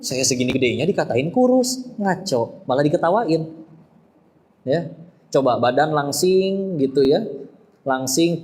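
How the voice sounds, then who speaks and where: A man's voice: a little high, darkish tone. A man giving a humorous, playful sermon to women, acting out quotes and imagined objections. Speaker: preacher.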